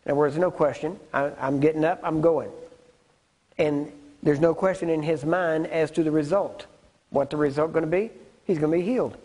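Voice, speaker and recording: Preacher, male, fairly high husky voice, chatty teaching sermon that keeps asking "right?". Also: moderate pace, a little mellow, poor audio. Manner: conversational, keeps checking in with "right?" and "you see what I'm saying?".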